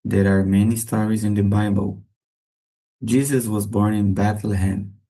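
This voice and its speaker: Male English teacher, reading each sentence twice, deep voice. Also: flat delivery, warm tone, low-quality recording. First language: Portuguese. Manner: reads each sentence twice, slowly and clearly. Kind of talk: slow repetition drill for beginners.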